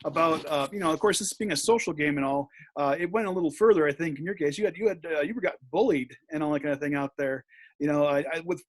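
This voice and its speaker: Man host, slightly high voice, hesitant questioning. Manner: halting, full of fillers and restarts while asking. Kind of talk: interviewing guests on a video call. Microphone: video call.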